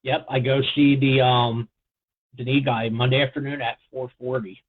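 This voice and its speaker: A man co-hosting a podcast in casual chat, rambling and halting with fillers and restarts. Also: mid-range voice, level tone. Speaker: podcast co-host. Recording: phone-like narrow sound.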